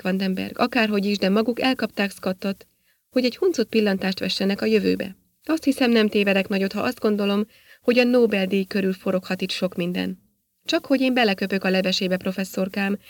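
A woman's voice: medium pitch, fairly even intonation, no echo, lightly acted. A woman reading the lines of a cynical, threatening male police sergeant in an audiobook, with a sneering, menacing delivery.

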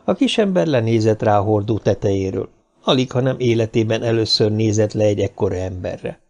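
A man reading an audiobook in even, measured scripted narration. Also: fairly low pitch, vocal fry.

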